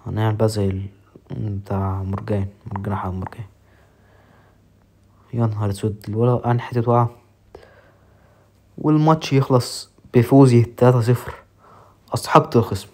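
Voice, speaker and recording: Fast-talking Egyptian gamer man. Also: on the low side, steady tone, slight background noise. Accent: Egyptian Arabic. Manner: shouts play-by-play, joking. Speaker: mobile football gamer. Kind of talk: excited gameplay commentary.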